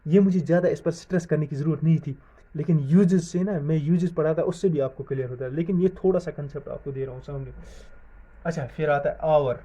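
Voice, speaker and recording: A man teaching English grammar, his voice sitting a little high but very dark and mellow in tone. He spells words out letter by letter and quizzes his class, then answers for them. The recording sounds dull and lo-fi. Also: quick pace. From Jammu and Kashmir. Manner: repeats questions to the class and answers them himself. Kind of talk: classroom-style video lesson.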